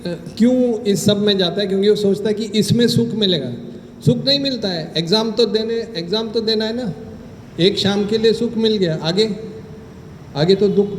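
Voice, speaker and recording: Animated male preacher in an echoey hall. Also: high-pitched, a little hiss or hum. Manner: animated storyteller who acts out dialogue. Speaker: spiritual speaker giving a scripture talk. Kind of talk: Hindi scripture discourse with personal stories. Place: temple hall. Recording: echoey hall with faint ambience.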